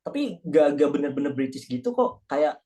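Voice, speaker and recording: A man's voice: on the high side, big pitch swings, normal speed, mellow. A young man from Indonesia chatting casually and joking in a class discussion.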